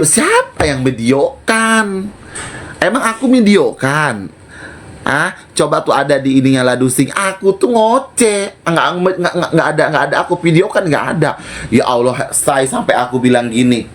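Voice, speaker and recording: A man's voice: fairly high pitch, slight background noise. A man who rants mockingly on a livestream, repeating himself and acting out quoted lines. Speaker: livestream seller. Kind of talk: gossipy livestream rant.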